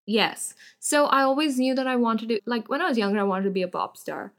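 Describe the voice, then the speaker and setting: A young woman from India, a guest and acting student chatting casually in an expressive, talkative way with quick laughs. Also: fairly high pitch. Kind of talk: casual podcast chat.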